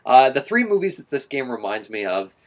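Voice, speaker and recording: A young man talks through a game review in a casual, unscripted way. His pitch sits in the ordinary middle range for a man, and he often stumbles and restarts his sentences with plenty of fillers. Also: sing-song, brisk. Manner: rambling, many restarts and fillers.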